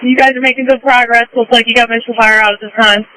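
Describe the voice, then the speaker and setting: A man's voice: very high-pitched, flat delivery, fast, pushed and bright, slight background noise, low-quality recording. A man giving terse, procedural orders as a fireground commander over two-way radio. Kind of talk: emergency radio dispatch traffic, giving orders. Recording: dry, radio transmission.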